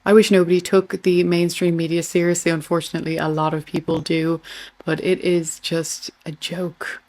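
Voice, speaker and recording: Lower-voiced woman hosting political commentary. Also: flat delivery, normal speed, music in the background. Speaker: host. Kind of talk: political meme commentary, reading captions aloud.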